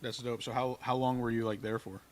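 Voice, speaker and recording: A man's voice: mid-range voice, flat delivery, brisk. A man hosting a podcast interview in a casual, slangy way, with short reactions and loose questions. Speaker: podcast host.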